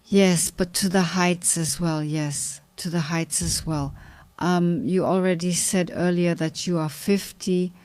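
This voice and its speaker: Woman host, 50s, supportive and affirming; smooth, slightly low voice, dry recording. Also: steady tone, unhurried, dry recording. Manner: warm, affirming and encouraging. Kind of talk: conversational interview.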